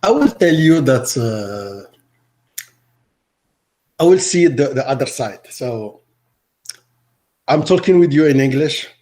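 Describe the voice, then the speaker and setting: A middle-aged Moroccan teacher, a native Arabic speaker, answers interview questions haltingly, often repeating words and starting over. His voice is medium in pitch, animated, and somewhat dark in tone.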